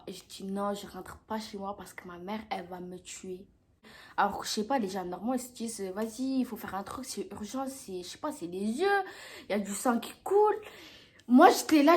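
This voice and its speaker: A young woman telling a dramatic story to camera in a casual storytime vlog, acting out what people said. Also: a little high. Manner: animated, dramatic retelling with acted-out quotes. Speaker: vlogger.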